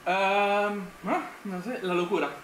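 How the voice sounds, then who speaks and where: A man's voice: high voice, steady tone, slow pace, fairly bright tone. A man whose first language is Italian, giving short, hesitant answers from a theater audience. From Italy. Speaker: audience member. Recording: distant audience voice, echoey theater, noisy.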